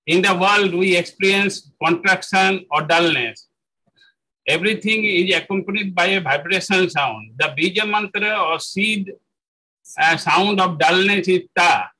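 Bright, high-pitched man lecturing haltingly. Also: rough recording. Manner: halting, with frequent fillers and self-corrections. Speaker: spiritual lecturer. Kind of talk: spoken lecture on spiritual practice.

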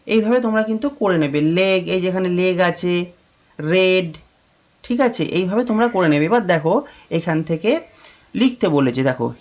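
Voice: mid-range voice, a little mellow. A primary school teacher giving an online lesson, talking patiently and repeating words, spelling them out letter by letter.

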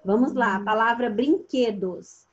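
A woman's voice: a little high, a little slow, highs cut off, heavy background noise. A woman teaching a primary school class over a video call. She asks her pupils patient questions and calls on them by name. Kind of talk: online class instruction.

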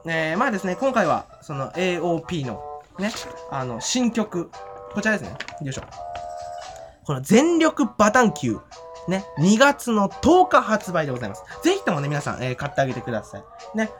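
A man giving an excited, giddy and rambling fan report from home, full of fillers and giggles. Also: high-pitched, fairly quick, music in the background. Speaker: fan vlogger. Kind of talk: casual event report vlog. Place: at home after the event.

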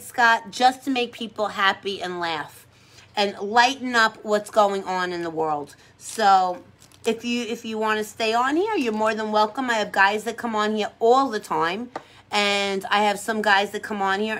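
A middle-aged woman with a strong New York accent chats on her livestream while doing her makeup. She talks in a brash, chatty way, laughs easily and repeats her own lines. Her voice sits a little high for a woman. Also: a bit bright. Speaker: livestream host. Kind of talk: casual live chat while doing makeup.

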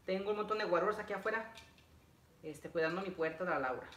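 A high-pitched, slightly bright young adult man talks fast while putting furniture together in a living room. As a vlogger on a livestream, he chats repetitively with viewers, reading greetings and repeating phrases. Echo, noise, and clicks fill the recording, captured by a camera a few feet away.

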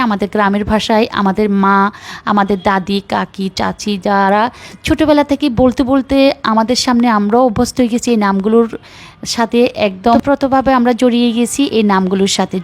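A woman chatting casually as she narrates her cooking, rambling and leaning on repeated filler words. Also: a little high. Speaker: cooking vlogger.

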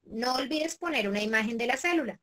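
High-voiced patient woman teacher. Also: expressive, a little fast, a bit bright. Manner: patient, checks in often with "¿listo?". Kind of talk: remote class walkthrough.

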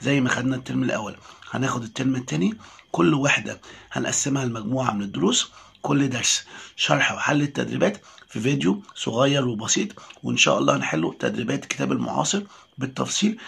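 Gravelly, husky Egyptian man teaching. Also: mid-range voice, fairly bright tone. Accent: Egyptian Arabic. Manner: repeats each English word slowly several times, then explains it. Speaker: English teacher. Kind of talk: recorded lesson.

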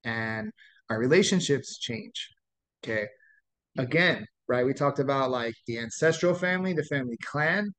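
A man's voice: mid-range voice, lively intonation, moderate pace, fairly bright tone, poor audio. A man in his thirties giving an informal sociology lecture, rambling and often checking in with "right?".

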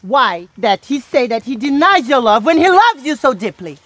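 A jealous, self-pitying young woman on an outdoor stage. Her high voice swoops widely as she pleads and reproaches. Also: sing-song, fairly bright tone, heavily acted. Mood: accusing. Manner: pleading, reproachful, quick to take offence. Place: outdoor landscape performance.

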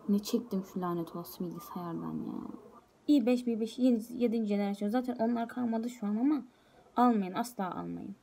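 A woman's voice: mid-range voice, fairly quick, creaky, mellow, slight background noise. A young woman talking casually to her viewers in a vlog, chatty and addressing them directly. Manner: chatty, speaks straight to viewers. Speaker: vlogger. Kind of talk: casual vlog talk to camera.

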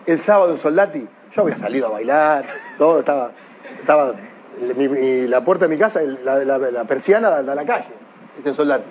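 A man telling a football story in a lively, stumbling way, imitating others. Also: mid-range voice, a little fast, slight background noise. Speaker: former footballer telling an anecdote. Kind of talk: casual anecdote telling.

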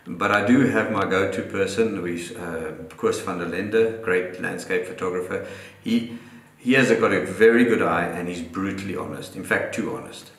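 Middle-aged panel guest, very deep voice, thoughtful and restarting, roomy recording. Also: male voice, moderate pace, few pauses, a bit bright. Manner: reflective, restarts phrases often. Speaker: guest photographer. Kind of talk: live panel discussion. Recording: roomy echo.

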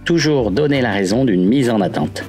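A man's voice: medium pitch, expressive, normal speed, a little mellow. A man giving scripted instructional narration for a training video. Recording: faint background music.

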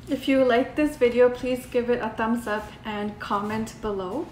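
A woman's voice: on the high side, fairly even intonation, normal speed, a little mellow, reverberant, slight background noise. A young woman, a channel host, politely asking interview questions and closing the video, indoors. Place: living room, then a dining room.

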